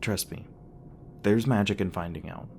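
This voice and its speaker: With a lowish, slightly mellow voice touched by vocal fry, a man speaks at a moderate pace, and a faint hiss or hum sits under the recording. He's acting as a tender, flustered young demon boyfriend, secretly human-born, in an intimate ASMR roleplay. Stammering and hesitant, he comes across as bashful and a little defensive, with a teasing, relieved mood.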